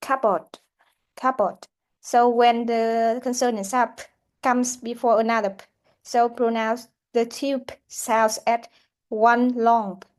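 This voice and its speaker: A woman teaching a pronunciation lesson, speaking haltingly with many fillers and repeated words. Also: a little high, level tone, darkish tone. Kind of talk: classroom lesson explanation.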